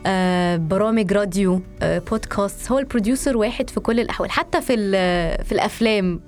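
A woman's voice: mid-range voice, fast talker, darkish tone, soft background music. A woman in her thirties with an Egyptian accent in a conversational studio interview, mixing English words and phrases into her Arabic. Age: 30s. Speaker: podcast guest, journalist and producer.

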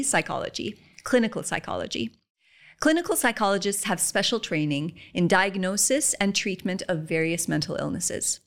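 A woman hosting an interview podcast, giving measured introductions and laughing easily with her guest. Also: medium pitch, fairly bright tone. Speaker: podcast host.

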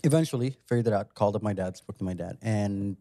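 A man co-hosting a podcast, telling a story in a casual, animated way. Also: lowish voice, fast talker, no room sound. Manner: animated storyteller who acts out other people's lines. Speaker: podcast co-host.

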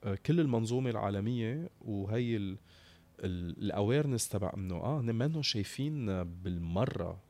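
Interview guest, male, low voice, Syrian Arabic accent, reflective conversational delivery with English words mixed in. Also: animated, brisk, dark tone.

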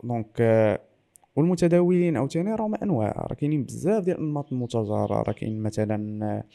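A man's voice: mid-range voice, lively intonation, racing, vocal fry, warm tone. A man with a Moroccan Arabic accent, explaining as an interview guest and mixing in French and English loanwords.

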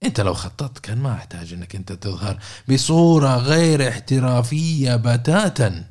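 A man's voice: medium pitch, expressive, brisk, a little mellow. A man giving a casual coaching talk, repeating words and checking in with listeners by asking questions. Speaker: podcast host and coach.

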